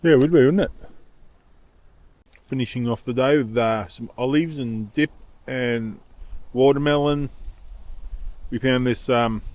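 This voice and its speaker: A man's voice: mid-range voice, unhurried, long pauses, darkish tone, dry recording, dull audio. Chatty man vlogging on the road. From Australia. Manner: chatty, rambling, with fillers and restarts. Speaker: travel vlogger. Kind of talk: casual travel vlog chat. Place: outdoors at a tourist site and lake, later indoors.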